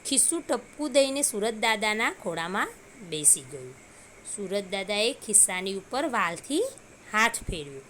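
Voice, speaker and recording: A woman's voice: medium pitch, big pitch swings, moderate pace, fairly bright tone, slight background noise. A woman teacher reading a story aloud to young children and explaining hard words simply.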